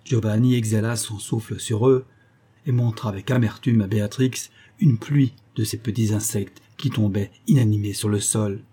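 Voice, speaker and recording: Husky-voiced male audiobook narrator. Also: fairly low pitch, steady tone, moderate pace, dark tone. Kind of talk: literary audiobook reading.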